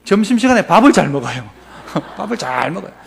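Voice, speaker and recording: A man from the Gyeongsang region of Korea, speaking with a Gyeongsang accent, preaching a lively sermon as pastor and coaxing the congregation to repeat after him. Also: brisk, gravelly. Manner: animated preaching, rising to emphatic calls then dropping low.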